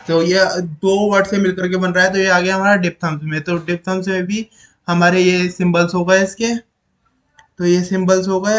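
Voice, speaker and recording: A man with a high voice teaches phonetic symbols from his notes. He repeats each sound slowly and works through the symbols one at a time, in an explaining tone. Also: fairly bright tone.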